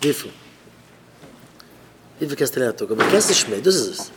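A man's voice: medium pitch, very animated, a little fast, noisy background. A man, a rabbi, giving an informal talk at a Shabbat gathering, repeating phrases and questioning listeners by name. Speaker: rabbi addressing students.

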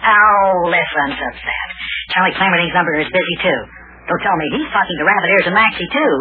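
An actor playing an eager, excitable little boy with a small childlike voice in an old-time radio serial. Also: medium pitch, brisk, crowd noise, close to an everyday voice. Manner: eager, chattering, repeats words. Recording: noisy, tinny old radio recording.

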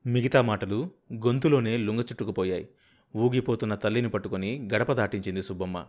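A man narrating a novel as an audiobook reader in a steady, measured way. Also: lowish voice.

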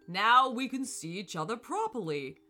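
A woman voicing a kindly old male wizard stuck in a car, speaking in a loud, grand, reassuring way. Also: fairly high pitch, very animated, normal speed, soft background music.

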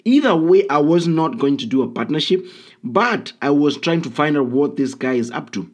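A man's voice: on the high side, expressive, normal speed. A man hosting a solo podcast, talking casually and bluntly with frequent ums and uhs. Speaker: podcast host.

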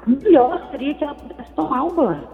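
A woman's voice: high-pitched, expressive, fast, faint music behind. Woman doctor advising over the phone. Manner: explanatory, frequent tag questions. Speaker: gynecologist guest. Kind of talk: call-in radio advice. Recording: tinny phone line with reverb.

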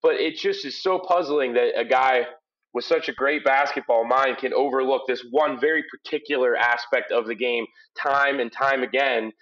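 A man hosts a post-game sports podcast in a conversational, emphatic way with folksy turns of phrase. His voice sits at a medium pitch. He is using headphones as his microphone, so the sound is dull and low-grade. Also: fairly even intonation, normal speed, fairly bright tone. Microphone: headphones used as microphone.

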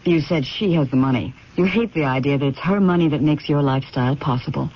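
An actor playing a blunt, accusing confidant in a radio drama, insistent and reproachful, on a muffled old recording. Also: male voice, on the high side, quick pace.

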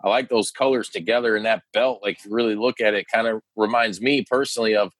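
Lowish-voiced frat-bro guy, dry sound. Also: fairly even intonation, fast, a bit bright, no echo. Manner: frat-bro talk full of dude, like and swearing. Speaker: wrestling podcast co-host. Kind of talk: casual, profane wrestling chat.

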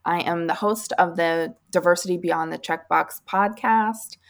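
A woman speaking as an interview guest in a measured, professional way. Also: fairly low pitch, vocal fry. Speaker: podcast guest and diversity executive. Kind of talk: interview talk.

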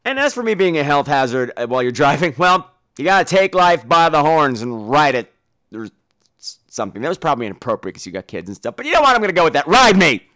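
Fast-talking and sing-song, his fairly high voice sounds pushed and bright. The man hosts a loose podcast chat with call-ins from listeners, playing it theatrical and teasing with exaggerated stress and occasional cursing.

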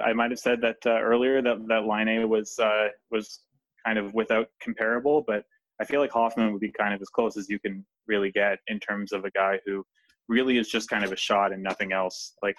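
Man, podcast guest, lowish voice, dry sound, rambling with lots of "like" and "uh". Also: a bit bright, dry recording, poor audio. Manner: loose, filler-heavy, many restarts. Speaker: podcast guest, hockey analyst. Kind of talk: casual podcast chat.

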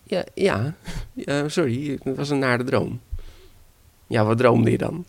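A man voicing the devil's fussy old grandmother, talking high and stammering through her excuses. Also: lively intonation, slow, gravelly, heavily acted. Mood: flustered. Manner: high-pitched, hesitant, flustered fibbing.

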